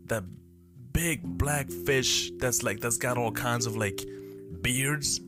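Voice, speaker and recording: A man in his twenties hosts his own podcast, recalling childhood memories solo as he thinks aloud, rambling and correcting himself. His medium-pitched voice moves slowly, with music in the background, and he records on a camera mic.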